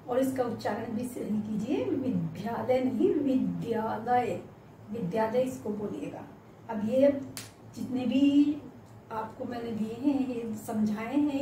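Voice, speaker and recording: A woman teacher giving a grammar lesson, slowly spelling out words letter by letter. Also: fairly high pitch, warm tone, slight background noise. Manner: slow, spells out each letter one by one. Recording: echoey room, mic at a distance.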